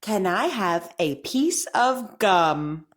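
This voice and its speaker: A woman leading an articulation drill as a speech teacher, over-enunciating practice sentences in a careful, deliberate, encouraging manner. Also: mid-range voice, expressive.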